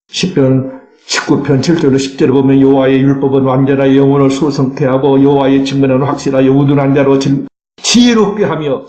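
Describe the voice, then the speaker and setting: A man's voice: medium pitch, mellow, highs cut off. A man preaching a Sunday sermon as pastor, reading scripture aloud and breaking into fervent cries. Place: church sanctuary. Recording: echoey church sanctuary.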